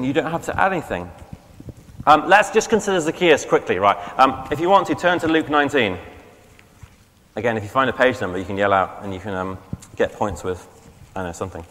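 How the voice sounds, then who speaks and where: A man's voice: on the high side, a bit bright, big-room sound. A man preaching a sermon in a casual, conversational way, with fillers and restarts and questions to the congregation. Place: church.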